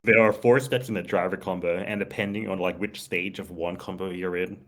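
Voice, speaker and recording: A man's voice: sits low, steady tone, a little fast, fairly bright tone. A man hosting a casual chat, talking eagerly with lots of fillers and laughs. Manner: enthusiastic, many fillers and laughs. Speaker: podcast host.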